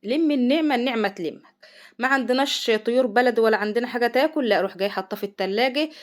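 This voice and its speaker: A middle-aged Egyptian woman chatting rapidly through a home cooking vlog, exclaiming over the food. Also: fairly high pitch. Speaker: vlogger, mother. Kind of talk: casual cooking vlog chat. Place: home kitchen.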